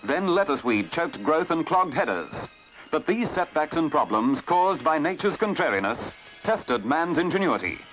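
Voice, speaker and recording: A man's voice: a little high, big pitch swings, moderate pace. A man with an Australian accent giving formal, dramatic scripted narration for an old newsreel. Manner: formal, dramatic announcer delivery. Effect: old newsreel recording. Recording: dull lo-fi old film soundtrack with music.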